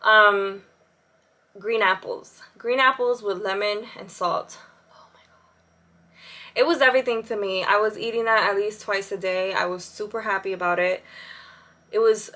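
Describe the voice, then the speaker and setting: Bright-voiced chatty woman in her thirties. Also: mid-range voice. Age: 30s. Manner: chatty, laughs often, many fillers; doing her makeup while talking. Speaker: vlogger. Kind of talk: casual chat to camera. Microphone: camera with side viewfinder.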